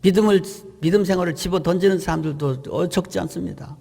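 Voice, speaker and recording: High-pitched, gravelly Korean pastor preaching. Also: male voice, quick pace, warm tone, long reverb tail. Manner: emphatic preaching with rhetorical questions. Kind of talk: sermon. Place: church sanctuary.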